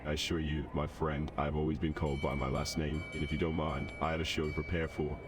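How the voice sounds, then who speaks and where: Man playing a very deep, pompous circus lion tamer. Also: little pitch movement, fast, noisy background. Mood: theatrical, courteous. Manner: florid, polite, pompous. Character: boastful, courteous male circus lion tamer. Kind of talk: game character dialogue.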